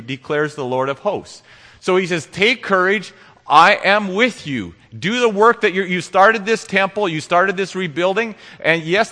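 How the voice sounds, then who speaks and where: A man delivers a sermon in a bright, forceful voice, pitched a little high for a man. He reads scripture aloud and explains it earnestly, often stopping and restarting mid-thought. His words ring out with a long reverb, as in a church sanctuary. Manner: earnest preaching with scripture readings and frequent restarts. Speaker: pastor.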